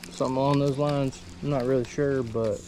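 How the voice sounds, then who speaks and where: A man giving casual running commentary while fishing from a boat outdoors. He is excitable and slangy, and he talks to the fish. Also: mid-range voice, brisk, slight background noise. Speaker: fishing vlogger.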